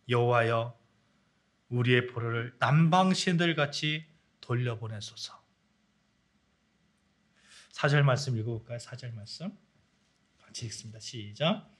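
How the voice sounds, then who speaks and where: A man preaching a sermon as pastor, swinging between loud raised phrases and quiet low ones, calling the congregation to read along. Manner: dramatic swings in pitch and volume, leads congregation in reading. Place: church sanctuary.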